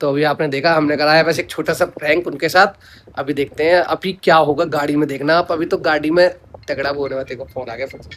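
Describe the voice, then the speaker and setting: A man's voice: a little high, fairly even intonation, fast, fairly bright tone, a little hiss or hum. A man vlogging in a casual, talkative way, stubbornly teasing his wife on a phone call as a prank. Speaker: vlogger, husband.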